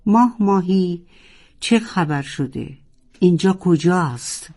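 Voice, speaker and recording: A storyteller voicing a young narwhal who is desperately searching for its lost father, pleading and shouting. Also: mid-range voice, lively intonation. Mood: bewildered. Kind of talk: children's audiobook acting.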